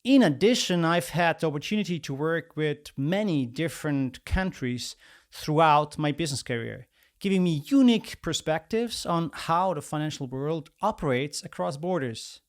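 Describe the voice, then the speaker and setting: A middle-aged man hosting a podcast, reading a formal introduction and then asking questions in a slightly halting way. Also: a little high, expressive. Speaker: podcast host and mentor.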